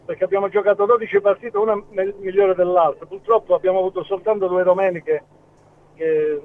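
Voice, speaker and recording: A man, a football club president, speaking over a phone line in a halting way with frequent restarts. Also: sits high, fairly even intonation. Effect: heard over a phone line. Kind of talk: phone-in interview. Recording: tinny phone line with faint noise.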